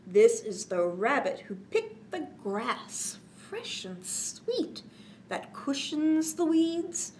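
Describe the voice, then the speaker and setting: A woman with a high-sitting voice hosts a children's story time. She brings a picture book to life with sing-song emphasis and pauses to explain and ask questions, with a little hiss or hum in the recording.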